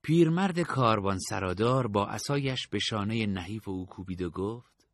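A man narrating an audiobook story with a steady storytelling read. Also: fairly low pitch, dry recording, studio quality.

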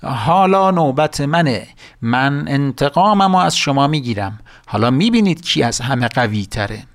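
A man's voice: a little high, animated, vocal fry. A man voicing a bitter, jealous evil sorcerer in a storybook tale, talking in a raised, angry, whiny voice.

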